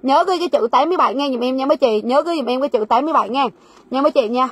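In a warehouse, a livestream seller with a high, husky voice rattles off her patter very fast. She keeps repeating sizes and prices and pushes viewers to write down their orders in the comments.

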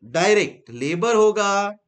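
A man's voice: high-pitched, expressive, takes it slowly. A man with an Indian accent teaching a live online class, asking rhetorical questions and answering them himself and repeating key terms so students can note them down.

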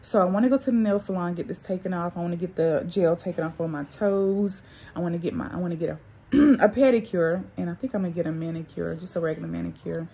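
Chatty woman vlogger, husky low voice. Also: quick pace, warm tone. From North Carolina, USA. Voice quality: talks with retainers in, slightly muffled. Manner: chatty, addresses viewers as y'all and girl. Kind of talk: casual vlog chat.

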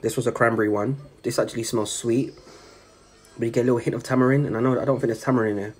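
A man's voice: mid-range voice, fairly even intonation, rapid-fire, a little mellow, breathy edge. A man reviewing sauces in a chatty, casual way, talking into a small cup. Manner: chatty, peppered with "like" and "yeah". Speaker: food reviewer. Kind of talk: casual taste-test review. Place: home.

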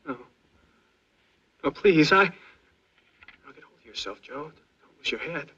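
A maimed young soldier's frightened inner voice. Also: male voice, medium pitch, lively intonation, pushed and bright, slightly rough, lo-fi sound, exaggerated voice. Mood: uneasy. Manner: halting, stammering, swings into panic. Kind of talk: film voice-over inner monologue.

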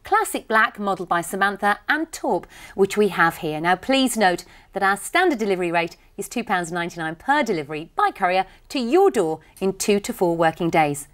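A woman's voice: medium pitch, sing-song, a little fast, few pauses, fairly bright tone. A middle-aged British woman hosting a shopping channel, delivering upbeat scripted sales patter in a studio. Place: TV studio lounge set.

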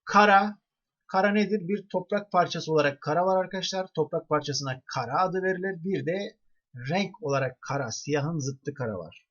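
A man teaches an online grammar lesson, walking through each point and asking his students questions along the way. His voice sits somewhat high for a man. The recording is dull and muffled, with a lo-fi quality. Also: normal speed, a bit bright. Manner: explains step by step, asking the class rhetorical questions.

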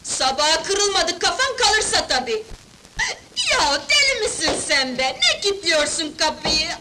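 An actress playing a brash, streetwise young wife who talks loud and slangy in an old film. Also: female voice, very high voice, sing-song, unhurried, heavily acted. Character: brash streetwise young woman, bold, pushy. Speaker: newly married wife in a film. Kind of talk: 1970s film dialogue. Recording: noisy old film soundtrack.

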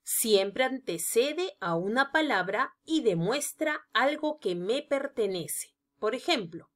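Slow, lively-pitched woman teaching grammar. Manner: slow, deliberate explanation of examples. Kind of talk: scripted grammar lesson narration.

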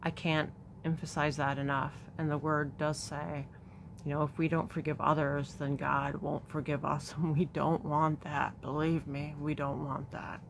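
A middle-aged woman hosting a devotional video, earnestly and reverently reading a prophecy aloud and then talking about it softly. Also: sits low, flat delivery, normal speed, background noise. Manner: earnest, reverent, soft-spoken.

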